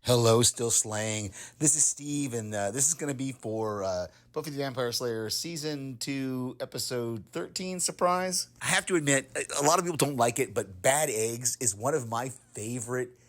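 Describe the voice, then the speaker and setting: A man leaving a voicemail for a podcast, talking as an enthusiastic fan in a slightly halting way. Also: mid-range voice, fairly bright tone. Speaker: voicemail caller. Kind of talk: voicemail message.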